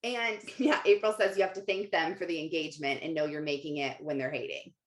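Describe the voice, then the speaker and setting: In an echoey room with roomy sound, a woman coaches casually during a motivational livestream, reading out viewers' comments. Her voice is low, steady, and a little fast, and her informal, conversational delivery leans on rhetorical questions and repetition for emphasis.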